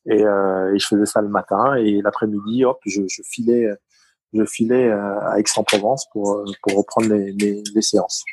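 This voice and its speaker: A man's voice: lowish voice, steady tone, normal speed, darkish tone, breathy edge, dry recording, rough recording. A middle-aged man with a Parisian accent, telling his story as an interview guest, hesitant with many fillers and restarts. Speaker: guest, former top-level athlete. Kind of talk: conversational interview.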